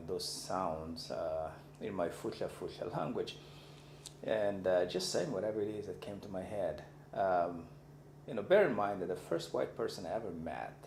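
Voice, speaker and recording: A man from Mozambique lectures in a deep, gravelly voice with a darkish tone. A university lecturer whose first language is Xangana, he gives a reflective, personal talk, thinking carefully and hunting for words, in an echoey room with slight background noise.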